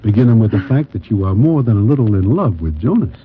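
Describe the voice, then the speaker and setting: A man's voice: fairly low pitch, big pitch swings, fast talker, a little hiss or hum. An actor playing a wry, worldly Broadway guy, speaking formal slang without contractions in 1940s radio style. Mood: sympathetic, wry. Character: wry, worldly, easygoing Broadway guy narrating gangster tales. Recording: tinny old radio recording, music behind.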